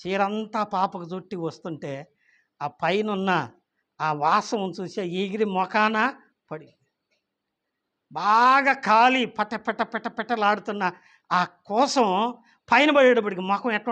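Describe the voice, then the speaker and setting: High-voiced emphatic man preaching a sermon. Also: bright, forceful tone. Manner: emphatic storytelling preacher, questions the congregation; chants lines of a hymn slowly. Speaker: pastor. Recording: dull lo-fi sermon recording.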